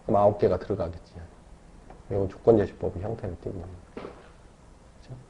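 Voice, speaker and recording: A male teacher with a low, mellow voice walks through a math lesson step by step. He keeps checking that his students are following with short tag questions. The recording sounds dull and lo-fi. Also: fairly even intonation, normal speed, creaky, slight background noise. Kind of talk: classroom lecture.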